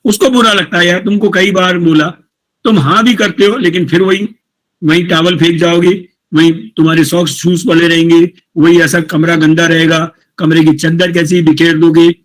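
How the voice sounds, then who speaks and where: A man, a college principal, giving a talk to teachers, reading English points slowly and explaining them conversationally. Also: a little high, fairly even intonation. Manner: casual, addresses listeners directly with questions. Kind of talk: motivational lecture to teachers.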